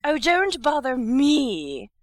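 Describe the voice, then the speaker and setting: A woman playing a bad-tempered, domineering Duchess in an audiobook drama, blunt and scolding, with a hoarse growl. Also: high voice, big pitch swings, slow, no echo, studio quality, full character voice. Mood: irritated. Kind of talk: full-cast audiobook character acting.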